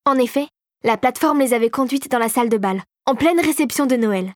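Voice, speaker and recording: A woman narrating a storybook in a calm, measured reading voice. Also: on the high side, no echo, studio quality.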